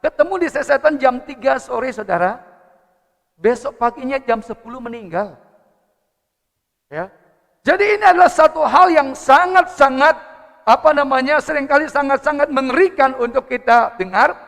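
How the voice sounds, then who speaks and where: A man's voice: extremely high pitch, lively intonation, normal speed, vocal fry, fairly bright tone. A man preaching a sermon, moving a prayer into teaching. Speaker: pastor. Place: church service hall. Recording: church hall reverb with faint music.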